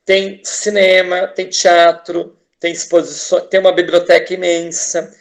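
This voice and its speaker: Enthusiastic Brazilian man, slightly high voice. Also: level tone, a little slow. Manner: enthusiastic, rambling, frequent tag questions and restarts. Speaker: teacher and artist, podcast guest. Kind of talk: casual conversational interview.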